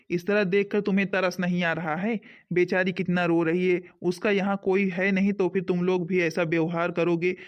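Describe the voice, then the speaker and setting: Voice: medium pitch, lightly acted. A performer playing a young husband who reasons with his family to defend his new wife in a skit. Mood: reproachful. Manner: pleading, reasoning. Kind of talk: village family skit acting. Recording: dull lo-fi sound.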